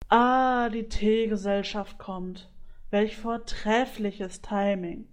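Woman reading as a vain, grandiose male griffin, slow and lordly, storybook voice. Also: mid-range voice, steady tone, natural voice. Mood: pompous. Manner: grandiose, off-key singing. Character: pompous male griffin, self-styled count.

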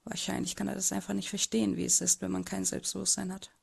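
A shy, downtrodden teenage boy, as a woman voices him tells his story in an amateur audio drama. The voice has a strongly gravelly, husky texture. The narration is hesitant and subdued. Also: mid-range voice, completely flat delivery, fast talker.

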